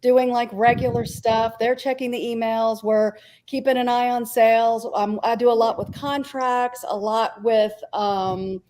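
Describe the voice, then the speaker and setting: A woman's voice: on the high side, steady tone, a little slow, hardly any pauses, a little mellow. A woman who handles a convention's accounts, speaking candidly and with self-deprecating humor in an interview. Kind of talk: casual interview chat.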